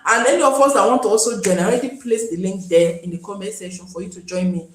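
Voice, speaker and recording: A woman's voice: mid-range voice, quick pace, reverberant, poor audio. A Nigerian woman hosting a live stream, chatting casually and pleading with viewers to join. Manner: pleading, chatty, switches into pidgin.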